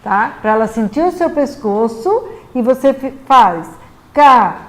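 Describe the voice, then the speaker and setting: A woman with a Brazilian Portuguese accent giving a patient, clear lesson to parents on helping children speak correctly. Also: on the high side, animated. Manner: patient, explanatory, models words slowly and clearly. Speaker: literacy teacher advising parents. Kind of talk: instructional talk to parents.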